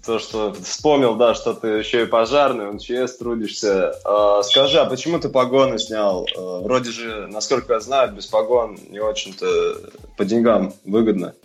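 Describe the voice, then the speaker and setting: A man's voice: lowish voice, normal speed. A man hosting an interview, talking in an informal, familiar way. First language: Russian. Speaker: interview host. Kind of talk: casual interview questioning. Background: music.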